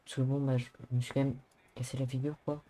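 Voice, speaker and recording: A man's voice: medium pitch, little pitch movement, fast talker, mellow, natural voice. A man playing a mild, worried, clumsy Englishman in an online role-play, hesitating in simple, slightly broken French with an English accent. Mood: worried, hesitant.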